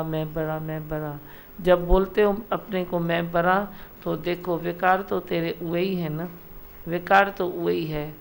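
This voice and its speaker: Woman guru, gravelly, preaching a satsang with repeated direct appeals. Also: medium pitch. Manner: repetitive exhorting, direct address. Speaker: spiritual teacher. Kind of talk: devotional satsang discourse. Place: satsang hall.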